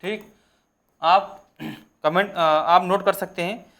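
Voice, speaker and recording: A young man teaching an exam-prep lesson, repeating each term slowly so students can write it down. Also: high-pitched, fairly even intonation, fairly bright tone. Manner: repetitive, dictating terms slowly for notes.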